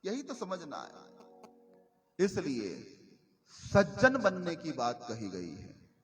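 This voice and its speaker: A male religious preacher giving a devotional sermon, measured and emphatic, repeating his key phrases as he tells stories. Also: fairly high pitch, wildly swooping pitch, a little hiss or hum. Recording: reverberant hall with faint music.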